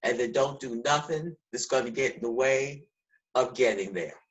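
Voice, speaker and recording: A woman's voice: rumbling low, moderate pace, highs cut off. A woman in her sixties talking earnestly and preachily in a casual video call discussion, as host. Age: 60s.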